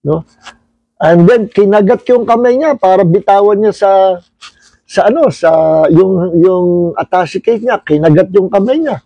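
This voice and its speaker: Filipino man, pastor leading a Bible study, high mellow voice, dry close sound, storytelling manner. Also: lively intonation, a little slow, dry recording, lo-fi sound. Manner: storytelling, mixes Tagalog and English, frequent "no?" tag. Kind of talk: online Bible study teaching.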